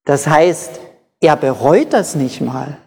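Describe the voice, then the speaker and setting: A preacher delivers a sermon in short, measured phrases and circles back to drive each point home. The voice sits at an ordinary middle pitch. A long reverb tail hangs behind every phrase, as in a church hall. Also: animated, creaky, darkish tone, breathy edge. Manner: explains in short phrases, repeats key points for emphasis.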